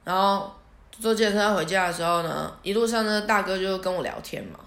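A woman's voice: medium pitch, brisk, fairly bright tone. Young woman, chatty storytelling, self-mocking, echoey room. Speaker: podcast host. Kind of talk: casual storytelling monologue.

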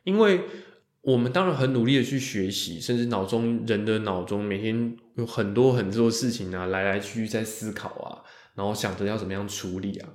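A man hosting a podcast alone, talking casually and chattily, often stretching out the sounds that end his phrases. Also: on the low side. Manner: chatty, with drawn-out particles ending phrases. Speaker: podcast host. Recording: roomy echo.

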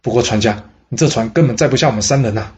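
A man's voice: mid-range voice, very fast, darkish tone, highs cut off, natural voice. A man voicing a proud male general who speaks formally and emphatically. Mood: urgent.

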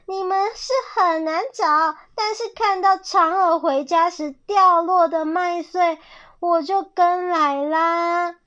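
A woman's voice: very high voice, steady tone, slow, a bit bright, pitched above the performer's own voice, full character voice. A woman voicing a sly, scheming male fox villain in a storybook reading, gloating and taunting. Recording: dull lo-fi audio.

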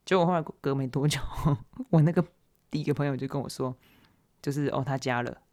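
A young man hosts a solo podcast and tells his own awkward stories. He talks casually, with an animated, self-mocking delivery. His voice sits in an ordinary middle pitch. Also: a little fast. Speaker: podcast host.

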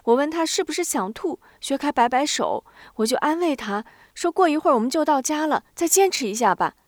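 A woman's voice: high voice, animated, no room sound, studio quality, voice pushed up. A woman voicing a flustered young girl. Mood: anxious. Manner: breathless, rushed retelling. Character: flustered young girl telling what happened.

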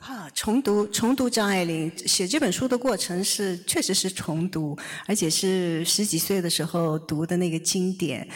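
Enthusiastic woman professor in a reverberant hall. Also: lowish voice. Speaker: professor and guest speaker. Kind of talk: public stage conversation. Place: university lecture hall on stage. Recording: long reverb of a large hall.

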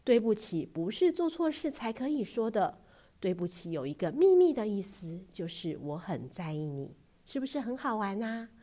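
Woman reader doing a soft-spoken, patient storybook mom. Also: medium pitch, sing-song, normal speed. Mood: hushed. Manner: soft, coaxing, hushed at times. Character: gentle patient mother.

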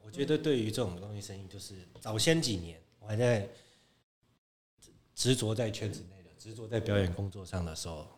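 Animated man in frank podcast chat. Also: fairly low pitch, fairly quick. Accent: Taiwanese Mandarin. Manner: animated, frank, laughs often, mimics critics. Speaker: podcast guest, fitness competitor.

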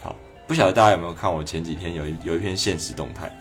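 Brief: deep-voiced man with a Taiwanese Mandarin accent, a doctor talking things over on a livestream, mulling aloud, faint music behind. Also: racing. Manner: reflective, conversational, acting out quoted people. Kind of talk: livestream advice talk.

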